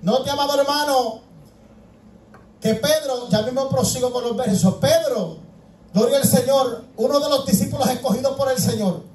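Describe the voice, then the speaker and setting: High-voiced fervent male preacher, echoey church. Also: normal speed, darkish tone, slight background noise. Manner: repeats "gloria al Señor" and "amado hermano" as fillers; asks the congregation rhetorical questions. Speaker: pastor. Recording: echoey room, distant mic, faint music.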